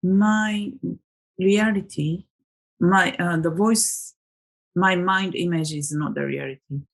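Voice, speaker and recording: A woman's voice: fairly low pitch, slow, creaky. A woman from Japan, a native Japanese speaker, rambling casually and reflectively about tarot in a vlog. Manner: chatty and reflective, many fillers and restarts. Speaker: tarot vlogger.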